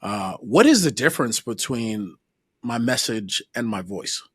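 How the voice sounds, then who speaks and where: A man hosts a podcast in an easy, conversational way. He rambles a little and restarts his sentences as he thinks. His voice is mid-pitched and sits close and dry on the mic. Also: lively intonation, a little slow, a bit bright, husky, no room sound. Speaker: podcast host. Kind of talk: casual interview chat.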